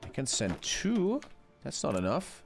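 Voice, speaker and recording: A man's voice: mid-range voice, wildly swooping pitch, unhurried, vocal fry. A man, streaming a strategy game live, chatting with his viewers and swearing casually. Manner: swearing, chatty, reading chat aloud. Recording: faint music behind.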